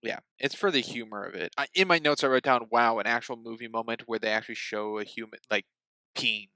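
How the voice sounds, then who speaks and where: A man's voice: mid-range voice, brisk, pushed and bright, no room sound, poor audio. A man co-hosting a film podcast, talking through ideas in a loose, hedging way. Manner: thinks aloud, hedging with "like". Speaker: podcast co-host. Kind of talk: casual chat.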